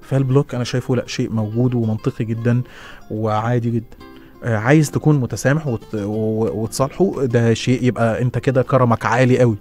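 A middle-aged man with an Egyptian accent, hosting a casual radio advice show and answering listeners, with quick restarts and lively asides. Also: medium pitch. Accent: Egyptian Arabic. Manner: fast, lively, stumbling restarts and laughs. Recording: radio studio with faint music behind.

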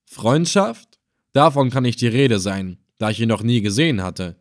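A man voicing an excitable, talkative old male helmsman in an audiobook, pleading and crying out. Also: mid-range voice, normal speed, dry recording, studio quality, close to an everyday voice. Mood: defensive. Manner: pleading and wailing. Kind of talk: audiobook character voice.

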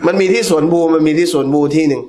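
A man teaching a religious class, telling stories in an animated way and laughing often. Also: on the high side, rapid-fire. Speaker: Islamic teacher.

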